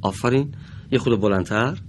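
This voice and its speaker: A man teaching Quran recitation on a broadcast lesson from a studio. He speaks slowly and patiently, modelling each sound for students to repeat. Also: mid-range voice, slight background noise.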